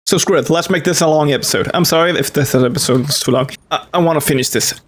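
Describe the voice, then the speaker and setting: An excitable gamer giving casual, blunt commentary while playing. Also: mid-range voice, quick pace, a little hiss or hum. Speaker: let's play gamer.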